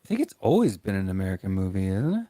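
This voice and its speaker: A man's voice: sits low, huge pitch swings, fast talker, warm tone, dry recording, studio quality. A man hosting a casual call-in chat and welcoming callers. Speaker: podcast host.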